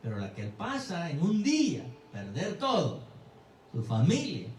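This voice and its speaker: A man preaching a sermon as pastor, emphatic and fervent, with sudden swings in pitch. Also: wildly swooping pitch, measured pace, darkish tone, reverberant, recorded from a distance, a little hiss or hum, rough recording. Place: church sanctuary.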